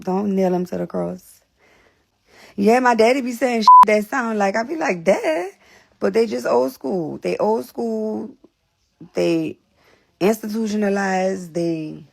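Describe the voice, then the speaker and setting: A young woman chatting straight to her livestream viewers, blunt and salty, circling back on the same words. Her voice has a gravelly fry underneath, and she is a little short of breath. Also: on the low side. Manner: blunt, repetitive, profane. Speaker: livestream host. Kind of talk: casual livestream talk to viewers.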